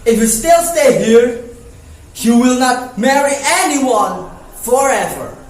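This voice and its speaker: A young man voicing a furious, powerful prince who slowly rants and hurls curses, recorded in an echoey room from a distance. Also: very high-pitched, lively intonation, a little hiss or hum, voice pushed up, full character voice. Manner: slow, commanding, ranting.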